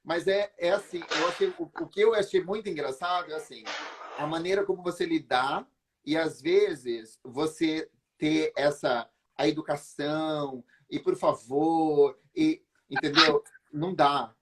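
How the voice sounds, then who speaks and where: A man's voice: on the high side, unhurried. A man with a Brazilian Portuguese accent, a guest on a video call, telling a comic anecdote with lots of acted-out quotes and laughter. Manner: lively storyteller, acts out quotes, laughs often.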